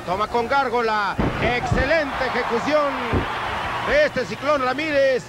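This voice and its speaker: A man's voice: very high voice, measured pace. A man with a Mexican accent giving live wrestling commentary in florid, playful storytelling phrases. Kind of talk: live lucha libre commentary. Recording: very noisy old TV sports broadcast. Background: loud arena noise.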